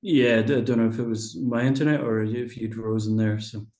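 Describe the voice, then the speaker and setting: A man's voice: medium pitch, fairly even intonation, brisk, darkish tone, roomy sound. A man hosting a whisky tasting over a video call, chatty and explanatory with frequent fillers. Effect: video call audio. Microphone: computer mic on a video call.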